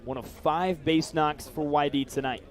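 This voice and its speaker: On the high side and fairly even in intonation, a young American man's voice moves at normal speed as he calls a baseball game live on radio. Outdoor ballpark crowd noise and ambience run underneath the broadcast.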